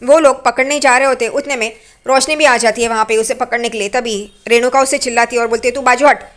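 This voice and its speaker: A woman narrating a casual retelling of a TV serial episode, moving briskly from scene to scene and quoting each character. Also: fairly high pitch, steady tone, fairly bright tone. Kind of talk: casual story recap narration.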